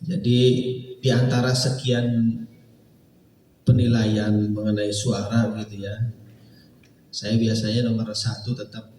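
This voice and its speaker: A man's voice: fairly low pitch, level tone, slow pace, long pauses, warm tone, slight background noise. A male Quran recitation teacher giving casual feedback to students, chuckling often and leaning on filler phrases. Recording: echoey hall, distant mic.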